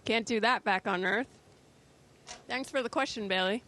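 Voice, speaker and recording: A woman's voice: fairly high pitch, moderate pace, pushed and bright. A woman astronaut giving friendly, simple explanations to students in a live question session from aboard a space station.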